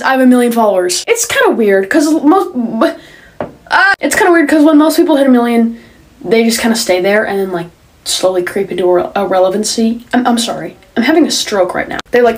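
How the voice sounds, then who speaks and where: A teenage girl talking straight to camera in a casual vlog, ranting sarcastically and slipping into mocking voices as she tells stories. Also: a little high. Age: teens. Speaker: TikTok creator.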